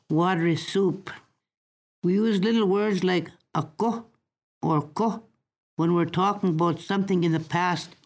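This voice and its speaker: A woman gives a recorded language lesson in a somewhat low voice. She speaks very slowly and carefully, repeating words so learners can follow. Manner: slow, deliberate, repeats words for practice. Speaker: language teacher.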